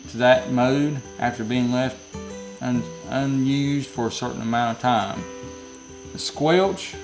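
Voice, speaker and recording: On a low-quality recording, a mid-range male voice with a Southern US drawl reviews a product inside a metal building. His delivery is folksy and rambling, and he keeps correcting himself partway through sentences.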